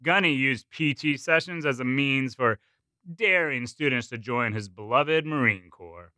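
A man narrating a written story in a measured, expressive reading style. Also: medium pitch, dry recording. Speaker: story performer. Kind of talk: scripted narration.

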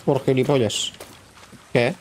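A man's voice: mid-range voice, steady tone, slow. A man with a Castilian Spanish accent chatting casually as he plays co-op, bossy, teasing and foul-mouthed. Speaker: co-op gamer. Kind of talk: casual gameplay chat. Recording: game vehicle and action noise behind.

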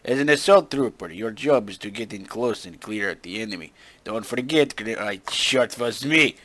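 A hoarse young man who is losing his voice, doing profane, grumbling gameplay commentary that swings from loud rants to low mutters. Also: lively intonation, normal speed, dry recording. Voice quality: rough, smoker-like. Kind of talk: casual gaming commentary.

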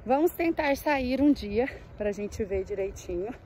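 A woman's voice: lively intonation, measured pace, dark tone, a little hiss or hum, low-quality recording. A woman talking casually as a travel vlogger outdoors at a beach resort, speaking into a handheld camera and often chatting to her dog. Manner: chatty, talks to her dog in a high sweet voice. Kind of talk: casual travel vlog narration.

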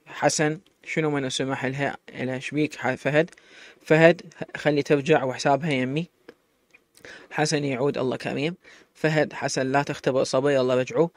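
A man with an Iraqi accent playing a kind, protective relative who speaks gently and reassures. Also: medium pitch, no echo, close to an everyday voice. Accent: Iraqi Arabic. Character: kind protective man, brother-in-law, steady.

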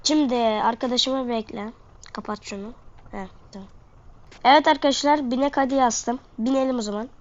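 A woman's voice: fairly high pitch, normal speed. A woman with a congested, sniffly nose giving casual, slangy gameplay commentary to her viewers. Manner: slangy, talking to viewers while playing. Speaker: gaming video host. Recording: dull lo-fi microphone sound.

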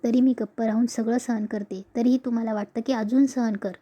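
A woman voicing a defiant young wife who argues her point step by step, reading slowly in her own voice. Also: a little high, fairly even intonation, dark tone, slightly rough, dull audio.

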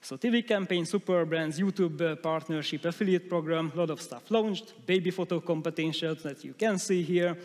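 A man speaks from a large, dark conference stage, his fairly high voice carried by a long hall reverb. He presents at a steady clip, often restarting mid-phrase as he searches for the right English words. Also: normal speed, hardly any pauses. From Hungary. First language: Hungarian.

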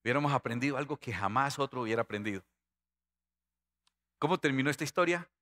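A middle-aged man preaching a sermon, animated and constantly asking his congregation questions. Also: mid-range voice, fast. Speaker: pastor.

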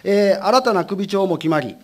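Formal Japanese councilman, filler pauses. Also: high voice. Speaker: city council member.

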